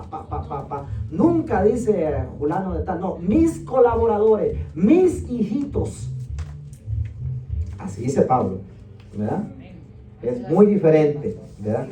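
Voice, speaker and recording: Heard from a distance in an echoey church meeting room, a pastor with a slightly high, mellow voice leads Bible teaching. He keeps asking the class to repeat words after him and ends lines with rhetorical "¿verdad?" and "amén."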